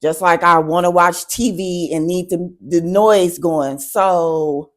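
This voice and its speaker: A woman in her thirties co-hosting a podcast, chatting candidly and with emphasis, often jumping into high-pitched quoted asides. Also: fairly even intonation, takes it slowly. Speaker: podcast co-host. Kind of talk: casual chat.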